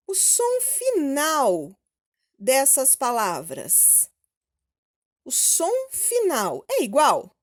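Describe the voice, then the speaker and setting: Slow, lively-voiced Brazilian woman teacher. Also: high voice. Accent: Brazilian Portuguese. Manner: slow, clear, prompting with questions and "ok?". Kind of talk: recorded lesson for children.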